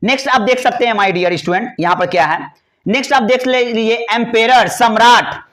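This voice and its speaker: A man teaching English grammar words in a chatty, playful way, spelling words out letter by letter and drawing key words out slowly. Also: extremely high pitch, a bit bright. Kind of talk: classroom lesson explaining vocabulary.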